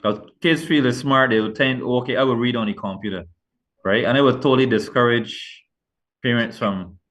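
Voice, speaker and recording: An earnest middle-aged man from Barbados, a guest author in a laid-back interview, rambles and self-corrects with many restarts in his Barbadian accent. His voice is medium-pitched and a little bright, moving at a moderate pace.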